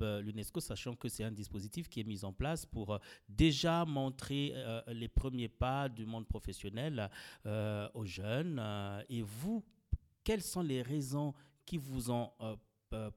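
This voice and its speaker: A man's voice: medium pitch, darkish tone. A man hosting an interview, asking questions with occasional fillers. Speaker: radio interviewer. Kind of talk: community radio interview.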